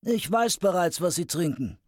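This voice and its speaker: A man voicing a sly, grinning old con man in an audiobook, speaking high and booming. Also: lively intonation, normal speed, no echo, clean studio sound. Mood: knowing. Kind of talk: audiobook character voice.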